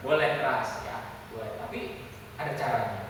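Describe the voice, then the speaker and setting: A man preaches at a church service, sharing a candid personal story and speaking directly to the congregation in a conversational testimony sermon. His mid-range voice moves at a normal pace, recorded from far off in an echoey hall with faint hiss.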